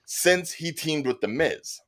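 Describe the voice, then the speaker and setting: A man hosting a casual wrestling panel chat, animated and joking. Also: on the high side, slow pace. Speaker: podcast host.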